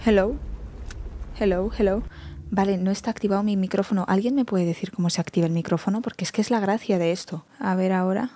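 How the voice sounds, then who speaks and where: A young woman from Spain with a Spanish accent, playing a horror game and commenting, shrieking and swearing when startled and speaking slow, loud English to the game. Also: medium pitch, background noise. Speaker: gaming streamer. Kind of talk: let's play commentary.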